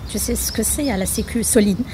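A woman's voice: fairly high pitch, brisk, dark tone, slight background noise, natural voice. A woman playing a busy, agreeable professional chatting with friends in an amateur audio drama. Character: Léa, busy, agreeable female professional who loves her job.

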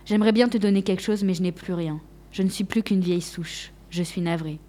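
A woman voicing a gentle, loving apple tree in a storybook reading. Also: lowish voice, brisk, lightly acted. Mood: tender.

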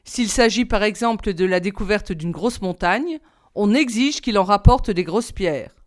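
A woman's voice: medium pitch, animated, moderate pace, lightly acted. A woman voicing a self-important old male geographer in an audiobook reading, speaking in a formal, lecturing way.

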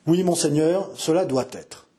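A husky-voiced man voicing a scheming younger noble brother who speaks in a sly, mocking, hissing tone. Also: a little high, a little slow, mellow. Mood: insinuating.

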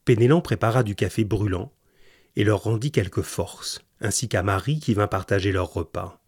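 A man with a husky voice reading a chapter of a novel aloud in a calm, measured way. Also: lowish voice, no room sound, studio quality. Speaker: audiobook narrator. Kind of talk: measured storybook narration.

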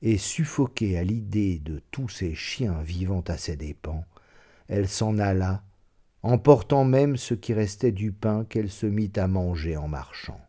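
A man with a low, mellow voice reads a classic tale aloud. He narrates expressively, shifting his voice for each character in the story. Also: lively intonation, measured pace. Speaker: reader.

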